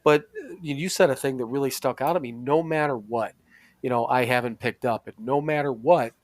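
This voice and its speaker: Podcast host, man, loose and profane, dry close sound, mid pitch. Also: brisk, dry recording. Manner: rambling, loose and profane, with restarts and laughs. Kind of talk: casual chat.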